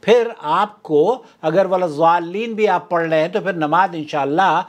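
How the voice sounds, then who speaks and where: A man giving a religious lecture, explaining earnestly to brothers and sisters. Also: high-pitched. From South Asia. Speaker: Islamic preacher.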